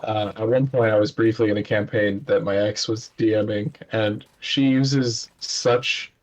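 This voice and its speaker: A man's voice: on the low side, steady tone, unhurried, highs cut off. A man playing in an online tabletop game, chatting casually and teasing the others. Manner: teasing, joking. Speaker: player.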